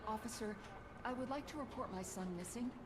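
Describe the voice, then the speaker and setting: A woman's voice: fairly high pitch, brisk, lightly acted. A woman doing an anxious pleading mother. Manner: pleading, worried. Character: anxious mother reporting her grown son missing. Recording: video game audio with clear background noise.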